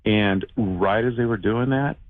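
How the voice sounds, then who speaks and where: A man in his fifties calling in to a show by phone, telling a personal story in a casual, halting, plain-spoken way. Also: fairly low pitch, dry recording. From United States. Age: 50s. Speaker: radio show call-in guest, shoemaker. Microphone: telephone. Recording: muffled band-limited phone call.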